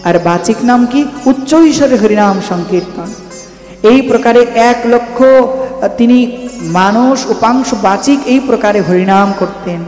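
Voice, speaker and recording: High-voiced man preaching in an echoey hall. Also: unhurried, darkish tone. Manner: chants the mantra in a sing-song, asks rhetorical questions. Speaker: devotional preacher. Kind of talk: devotional storytelling sermon with chanting. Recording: echoey hall with music behind.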